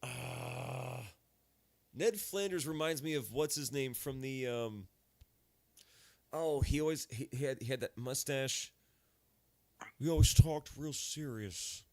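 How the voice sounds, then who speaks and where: A man's voice: medium pitch, slow, creaky, long pauses, a little mellow, no echo. A man hosting a casual chat with a friend, laughing often and breaking into cartoon voice impressions. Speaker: gaming channel host.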